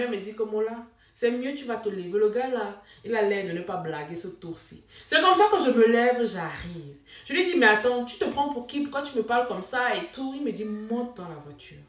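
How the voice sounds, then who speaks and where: A young woman telling her own story in casual talk, dramatic and animated, with sudden exclamations. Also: mid-range voice, distant mic. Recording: echoey room, a bit off mic.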